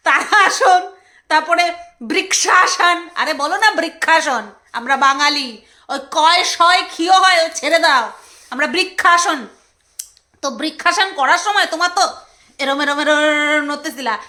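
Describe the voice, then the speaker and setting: Very high, bright-voiced mocking woman. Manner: mocking, sarcastic, teasing. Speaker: vlogger. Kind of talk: casual commentary.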